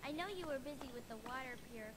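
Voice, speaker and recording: A polite, chatty young woman from a game. Her high voice moves around a lot. Loud game noise runs behind her. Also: expressive, rapid-fire.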